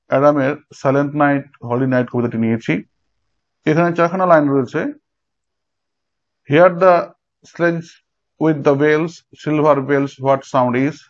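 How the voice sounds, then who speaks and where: A man teaching an exam-prep lecture, explaining step by step and speaking straight to his students. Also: mid-range voice. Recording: dull lo-fi recording.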